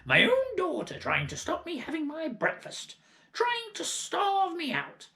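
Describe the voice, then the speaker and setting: A man's voice: extremely high pitch, huge pitch swings, unhurried, creaky, bright, forceful tone, voice pushed up, exaggerated voice. A man voicing a huge, bad-tempered old grandmother in a children's story read aloud, screeching and bullying. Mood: screeching tantrum. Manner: screeching, bullying, self-pitying. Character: towering, furious, greedy old grandmother.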